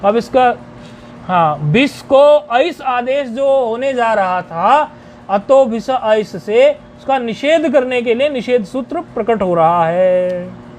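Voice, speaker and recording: Slow, high-voiced man teaching grammar. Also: expressive, darkish tone, a little hiss or hum. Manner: slow, deliberate, chants sutras syllable by syllable. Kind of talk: explanatory lecture.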